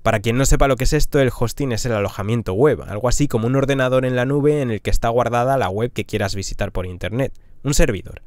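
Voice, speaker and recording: A man's voice: mid-range voice, fast, hardly any pauses, darkish tone, no room sound. Guy in his 30s telling his story, punchy, asks the viewer questions, mid voice, close dry mic. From Spain. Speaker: travel vlogger. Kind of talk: storytelling monologue. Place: small camper van interior. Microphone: podcast mic on a stand.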